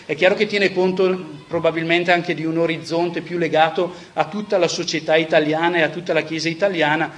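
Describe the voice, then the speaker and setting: A man's voice: fairly high pitch, fairly even intonation, fairly quick, hardly any pauses. A man giving an earnest, reflective talk to a church audience, often restarting phrases and adding little tag questions. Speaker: speaker at a church gathering.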